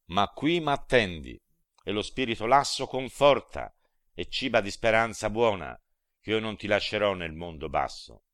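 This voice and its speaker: A man reading as a wise old poet guiding a traveler, calm and fatherly in measured lines. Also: fairly low pitch, no room sound, studio quality. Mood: reassuring. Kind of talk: dramatic poetry recitation.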